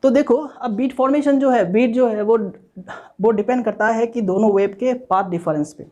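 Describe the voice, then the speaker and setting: This recorded online physics lesson is delivered at normal speed by a teacher whose voice is medium in pitch and darkish in tone. The teacher explains step by step, repeats key ideas, mixes in English technical vocabulary, and keeps checking in with "okay".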